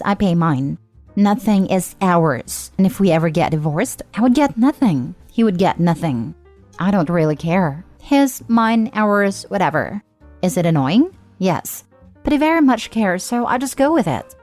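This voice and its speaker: A woman giving a steady, even scripted narration of a forum post. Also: medium pitch. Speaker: story narrator.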